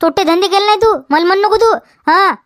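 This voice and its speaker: A woman's voice: very high-pitched, quick pace. A woman with a Vidarbha Marathi accent playing a quarrelsome village wife who argues back and repeats her questions in a comedy sketch. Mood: defiant. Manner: argumentative, repeats questions, tags "हा?".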